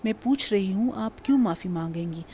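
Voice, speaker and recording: A woman voicing a moody, sharp-tongued young woman who fires off prickly questions. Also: medium pitch, lively intonation, slight background noise, close to an everyday voice.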